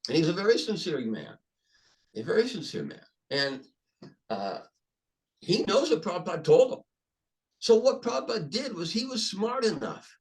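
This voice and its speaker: A man's voice: high voice, normal speed, pauses often, poor audio. Older man telling stories emphatically. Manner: emphatic, animated storyteller with repeated restarts. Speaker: podcast guest. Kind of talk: conversational interview storytelling.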